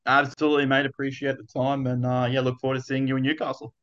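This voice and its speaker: A man's voice: medium pitch, monotone, fast talker, a bit bright, lo-fi sound. A man with an Australian accent, a podcast guest, talking in an enthusiastic, rambling way. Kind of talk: casual interview chat.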